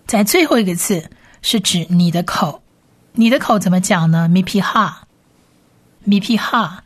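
Woman teacher, very slow and deliberate, patient repetition, mid-pitched voice. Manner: patient, drawn-out repetition of sounds. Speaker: Hebrew teacher. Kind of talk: slow language lesson, spelling out and repeating words.

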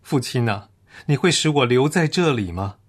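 A man's voice: mid-range voice, expressive, normal speed, lightly acted. A man voicing a tearful, repentant young son in a parable, pleading and unsure. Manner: pleading, fearful.

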